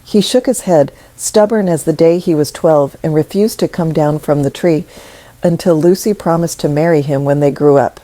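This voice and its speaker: A woman narrating a scripted story in a slow, measured, softly emotional way. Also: deep voice, no room sound, rough recording.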